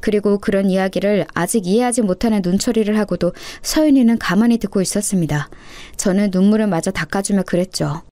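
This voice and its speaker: A woman narrating a first-person story in a soft, wistful storytelling manner. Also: medium pitch, fairly quick, dry recording.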